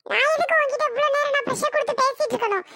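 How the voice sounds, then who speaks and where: A voice actor doing a squeaky young husband. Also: racing, gravelly, sharp tone, no echo, studio quality, full character voice. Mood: exasperated. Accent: Tirunelveli Tamil. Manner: exasperated, pleading. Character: young husband, defiant then tearful. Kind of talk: cartoon voice acting.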